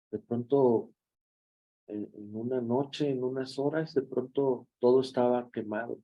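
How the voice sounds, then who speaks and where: A man's voice: mid-range voice, mellow, muffled recording. A man with a Mexican accent, a pastor giving a devotional sermon in a conversational, storytelling way.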